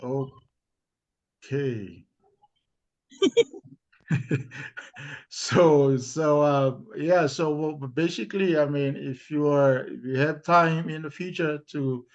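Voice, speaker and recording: A man with a Tongan accent speaking informally on a community live discussion in a halting, deliberate, repetitive way. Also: fairly high pitch. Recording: dull lo-fi stream audio.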